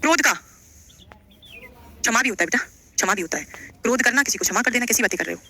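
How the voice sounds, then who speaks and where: Her voice is fairly high, expressive, bright and forceful, and she talks fast. She teaches Hindi grammar for exam preparation in a live online lesson, explaining quiz questions while repeating phrases and posing questions to students.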